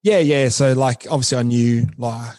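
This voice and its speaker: A man's voice: medium pitch, normal speed, a little mellow, no room sound, clean studio sound. A man from New Zealand with a broad Kiwi accent, chatting casually and slangily as a podcast guest. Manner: slangy, informal, frequent "bro" and "man". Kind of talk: casual interview chat.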